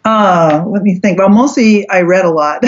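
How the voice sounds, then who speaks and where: A woman's voice: mid-range voice, normal speed. A Canadian woman, a philosophy professor, talking casually in an interview and wandering through asides and restarts. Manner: rambling, many restarts and asides. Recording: dull lo-fi audio.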